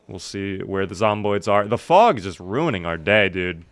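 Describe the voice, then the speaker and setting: A man's voice: low-pitched, moderate pace, a bit bright, slight background noise. A man doing casual live commentary while playing a survival video game, chatting to viewers in a wry, mock-dramatic way.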